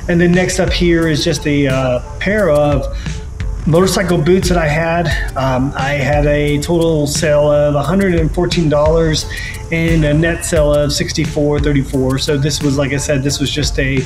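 A man casually narrating a motorcycle ride-along and going over his sales, relaxed and full of fillers. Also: on the high side, normal speed, over music. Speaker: reseller vlogger. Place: on a motorcycle, outdoors on a highway.

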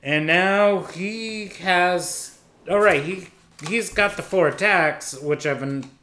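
A man's voice: sits high, takes it slowly, bright, forceful tone. A man casually narrating a solo tabletop wargame, calling out each dice roll step by step and thinking aloud. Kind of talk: casual play-by-play of dice rolls. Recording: echoey room.

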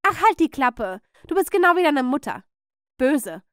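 Shrill, bullying aunt who yells every line; a woman puts her on, high and crisp, dry close sound. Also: very animated, moderate pace, no room sound. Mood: scolding. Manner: shouting, scolding. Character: shrill cruel middle-aged aunt, domineering mother.

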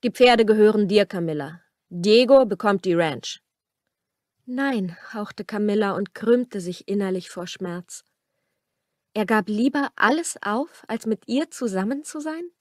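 A woman narrating a romance audiobook in a measured, restrained way. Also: mid-range voice, no room sound, clean studio sound. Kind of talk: scripted narration.

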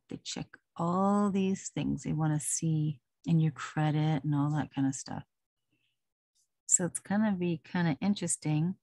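A woman's voice: on the low side, darkish tone, dry recording, studio quality. A middle-aged woman talking casually and rambling, laughing now and then. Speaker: vlogger. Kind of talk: casual personal talk.

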